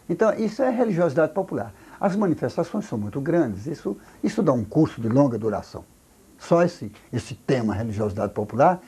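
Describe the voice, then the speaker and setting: An older man from Brazil with a Brazilian Portuguese accent, a folklorist explaining things slowly in an interview, halting with many repeated words and restarts. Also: on the high side, mellow, husky. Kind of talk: recorded oral history interview.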